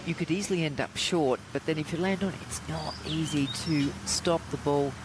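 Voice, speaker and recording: A man's voice: a little high, a little fast. A man giving live golf commentary and analysis of the play. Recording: outdoor broadcast with clear background noise.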